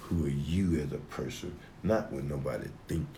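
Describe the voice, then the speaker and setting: A man with a deep, creaky voice speaks emphatically at a moderate pace during a heated personal conversation, with background noise behind him. He curses liberally, wanders off topic and slips into preaching.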